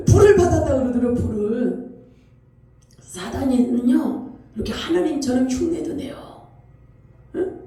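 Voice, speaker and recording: Woman pastor preaching, lively storytelling, echoey church, far from the mic. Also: high voice, takes it slowly, pauses often. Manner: animated storytelling, tossing questions to the congregation. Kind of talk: sermon. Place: church sanctuary.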